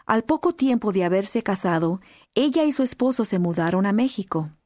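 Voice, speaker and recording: A woman narrates in a calm, measured reading voice. Her tone is mellow and dark, recorded dry on a close studio mic with no room sound. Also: medium pitch, no room sound. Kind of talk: scripted narration.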